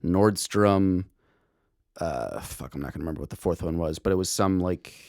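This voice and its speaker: Rambling, profane young man with lively pitch. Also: normal speed, no echo, studio quality. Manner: rambling, profane, laughs often, many restarts. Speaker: podcast host. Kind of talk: casual chat.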